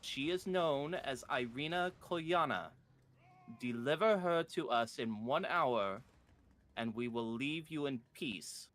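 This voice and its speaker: Guy putting on a cold vampire lady, pitched up, slow deliberate words, bossy. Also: a bit bright. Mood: menacing. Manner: slow, formal, issuing demands. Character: undead-leading vampire woman, cold and commanding.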